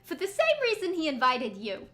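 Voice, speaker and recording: A woman's voice: sits high, huge pitch swings, normal speed, bright, forceful tone, full character voice. A woman putting on a theatrical voice for a cryptic masked man in a game story. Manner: put-on, theatrical, emphatic.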